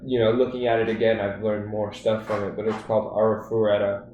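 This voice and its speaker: A man co-hosting a podcast, talking in a casual, rambling way with lots of fillers and animated retelling. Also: on the low side, fairly quick, roomy sound, far from the mic, muffled recording, slight background noise. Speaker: podcast co-host. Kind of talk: casual chat.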